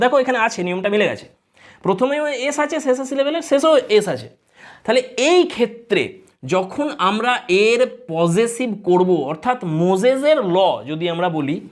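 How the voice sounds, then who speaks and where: A woman with a Bengali accent teaching an exam-prep grammar lesson, explaining step by step and putting questions to her students. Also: a little high.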